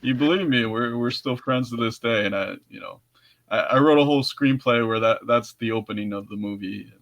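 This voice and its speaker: A man's voice: mid-range voice, brisk, creaky, fairly bright tone, no room sound, muffled recording. Laughing man telling stories, dry sound. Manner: laughs often, many restarts. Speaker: podcast co-host. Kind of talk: casual storytelling chat.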